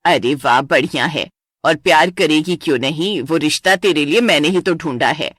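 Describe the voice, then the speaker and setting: A woman voicing a teasing middle-aged mother in a cartoon story. She speaks lower and jokes bluntly. The sound is dry and close. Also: moderate pace, a bit bright, breathy edge, no echo. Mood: joking. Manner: teasing, joking. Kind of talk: animated story voice acting.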